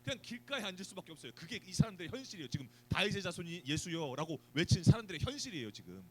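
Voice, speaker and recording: A man's voice: sits high, racing, rough recording. A man preaching a youth sermon, asking the students questions and acting out little scenes. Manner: animated, asks the students questions, acts out scenes. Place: church youth service.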